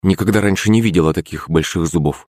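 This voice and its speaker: A man voicing a brash, gruff middle-aged brothel madam. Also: sits low, quick pace, a little mellow, dry recording, clean studio sound, pitched below the performer's own voice, close to an everyday voice. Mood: indignant. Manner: gruff, snappy.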